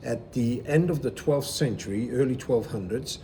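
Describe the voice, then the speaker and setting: A middle-aged man from Belgium, a cruise director, answering interview questions in a relaxed, explanatory way with frequent fillers. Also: medium pitch, normal speed, a little hiss or hum. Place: aboard a river cruise ship.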